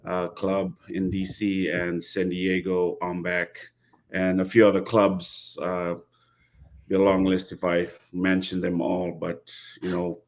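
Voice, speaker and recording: A middle-aged man, a rugby coach speaking as a guest in a casual interview, measured and pausing as he talks over a video call. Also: sits low, completely flat delivery. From Fiji.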